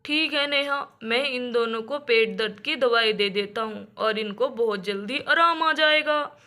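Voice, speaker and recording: A woman's voice: a little high, measured pace, bright, forceful tone, pitched below the performer's own voice. A woman voicing a strict father who lectures his daughters in a doll story. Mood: stern. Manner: lecturing, firm.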